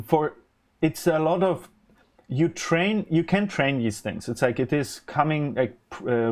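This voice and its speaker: This man speaks at a medium pitch with a slightly mellow quality. Polish is his first language, and he hosts a live stream where he chats casually while designing electronics, rambling with lots of fillers and restarts.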